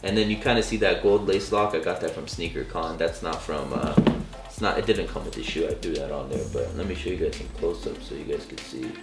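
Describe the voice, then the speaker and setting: A man's voice: low voice, brisk. A young man with a Californian accent who is losing his voice, talking casually and enthusiastically through a sneaker vlog with plenty of slang and fillers. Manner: relaxed, enthusiastic, slangy talk with many fillers. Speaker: sneaker vlogger. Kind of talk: casual vlog show-and-tell. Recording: echoey room with faint music.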